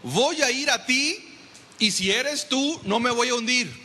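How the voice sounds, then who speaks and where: A pastor acting out the apostle Peter as an eager, bold disciple, pleading in a raised, drawn-out voice. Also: male voice, very high-pitched, animated, pushed and bright, voice pushed up, heavily acted. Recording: echoey church hall.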